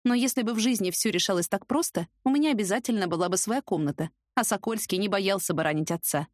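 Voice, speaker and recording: A woman narrating an audiobook in the first person, lively and sarcastic, with an expressive delivery. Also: medium pitch, fast, no echo, studio quality.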